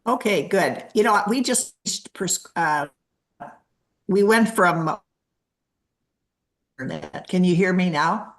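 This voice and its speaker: A woman guest chatting on a video call whose audio keeps cutting out, halting and trailing off mid-phrase. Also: on the low side. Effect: choppy video-call audio that cuts out. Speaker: podcast guest. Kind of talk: casual chat.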